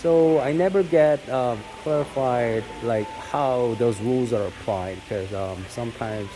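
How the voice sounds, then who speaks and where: This vlogger, a man from South Korea with Korean as his first language, speaks in a mid-range voice at a measured pace. He rambles casually to the camera, often restarting and using fillers, while steady rain can be heard in the background.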